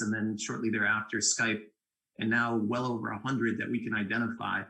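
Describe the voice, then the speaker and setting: A man's voice: medium pitch, a bit bright, rough recording. Fluent, assured man on a panel. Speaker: venture capitalist panelist. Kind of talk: panel discussion.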